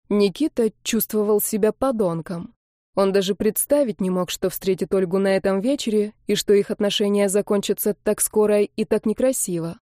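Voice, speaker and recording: A woman narrating a romance novel in a calm, even reading on a close mic. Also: mid-range voice, dry recording. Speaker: audiobook narrator. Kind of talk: storybook narration.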